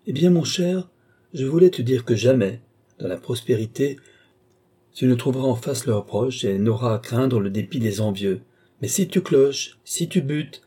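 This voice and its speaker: A man's voice: mid-range voice, breathy edge, lightly acted. A man voicing a sly old marshal who teases and needles his nephew in an audiobook reading. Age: older. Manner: sly, teasing, lively. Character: old sly mocking male marshal, uncle.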